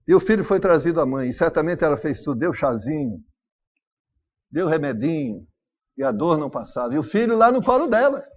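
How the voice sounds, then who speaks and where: A man's voice: on the high side, very animated, fairly quick, highs cut off. A man with a Brazilian Portuguese accent preaching a sermon as pastor, acting out family dialogue as he goes.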